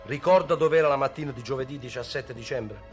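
A man's voice: mid-range voice, fast, lightly acted. A man playing a sneering, bullying prosecutor. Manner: sneering, bullying, mock-polite on the phone. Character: sarcastic, overbearing male public prosecutor. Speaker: prosecutor interrogating a suspect. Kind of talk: film drama dialogue. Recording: film soundtrack with music underneath.

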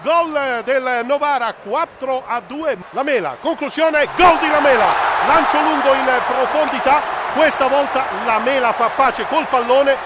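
A man giving excited live football commentary in short punchy phrases. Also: very high-pitched, measured pace. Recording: very noisy stadium broadcast, roaring crowd. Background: roaring stadium crowd.

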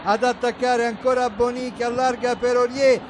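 A man giving excited, urgent running football commentary, often shouting. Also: very high-pitched, normal speed. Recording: noisy match broadcast.

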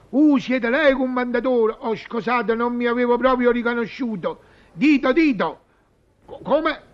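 Pappagone, a bumbling servant. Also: male voice, very high-pitched, fairly bright tone. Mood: eager. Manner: stammering, mangles words, childlike wonder. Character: bumbling naive male servant, muddles words. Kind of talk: vintage TV comedy sketch. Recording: dull lo-fi old TV audio.

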